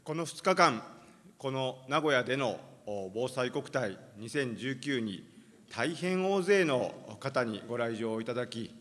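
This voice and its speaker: A man, a government official, gives a formal closing address, measured and with occasional fillers. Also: medium pitch, expressive, a bit bright. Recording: long hall reverb.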